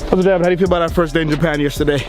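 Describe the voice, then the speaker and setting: A man vlogging outdoors, talking fast in a loose, joking way full of fillers. His voice sits a little high. Loud background music plays under his voice. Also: fairly even intonation. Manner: joking, chatty, filler-heavy. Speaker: travel vlogger. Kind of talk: casual on-camera chat. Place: outdoors on a mountain trail and city streets.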